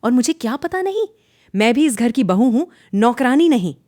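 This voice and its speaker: A woman's voice: mid-range voice, sing-song, moderate pace, darkish tone, no room sound, studio quality, close to an everyday voice. A woman voicing an overworked young daughter-in-law who answers back in a pained, pleading way in a cartoon story. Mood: defensive.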